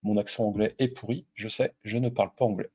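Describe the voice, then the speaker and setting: Middle-aged male host, low husky voice, loose chatty delivery full of fillers. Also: fairly even intonation, fast, mellow. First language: French. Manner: informal, lots of fillers, addresses the viewer directly. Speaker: investing video host. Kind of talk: casual explainer with a familiar tone.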